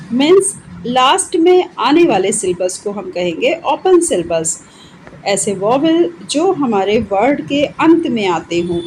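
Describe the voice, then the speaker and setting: A woman with an Indian English accent teaching an English lesson. She reads English definitions slowly, then explains them quickly in Hindi, and checks with her students. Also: a little high, darkish tone, slight background noise, low-quality recording. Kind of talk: classroom-style lesson explaining grammar.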